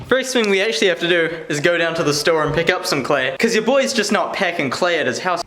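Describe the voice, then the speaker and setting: Excitable young man, higher-pitched voice, noisy background. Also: fast. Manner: slangy, jokey, excitable. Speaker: host of a hobby craft video channel. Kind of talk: casual chatty vlog.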